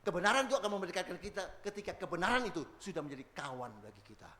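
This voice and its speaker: A man preaching a sermon with a slight lilt, switching between loud proclamations and quiet asides. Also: sits high, sing-song, rapid-fire. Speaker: pastor. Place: church service.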